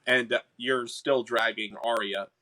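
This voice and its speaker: A man's voice: mid-range voice, steady tone, measured pace, bright, forceful tone. A man casually narrating as game master of a tabletop game, with lots of filler words. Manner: casual, filler-heavy, laughs often.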